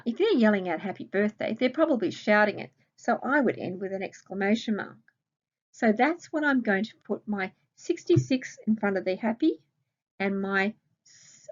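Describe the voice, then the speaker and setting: A primary school teacher with an Australian accent patiently explains a recorded grammar lesson to children and asks them questions. Her voice is mid-range, and the recording sounds muffled.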